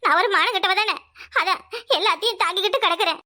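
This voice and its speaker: A woman with a southern Tamil village dialect voicing a jealous, sharp-tongued older wife who scolds sarcastically in a cartoon. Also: very high voice, fast. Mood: scolding. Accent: southern Tamil Nadu village dialect. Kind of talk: cartoon voice acting.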